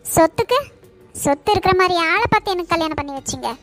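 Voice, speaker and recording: A woman's voice: extremely high pitch, animated, fast talker, fairly bright tone, full character voice. A woman voicing a bitter, spiteful middle-aged sister-in-law in a cartoon, with a cutting, taunting manner. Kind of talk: cartoon voice acting. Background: faint background music.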